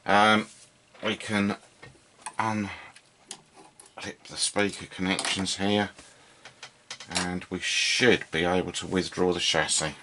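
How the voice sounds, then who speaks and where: Thinking aloud with hesitant, understated remarks, a man demonstrates hands-on at an indoor workbench for his hobby radio repair video. His low voice stays level and is bright and forceful, moving slowly with frequent pauses. There's a little hiss or hum in the recording.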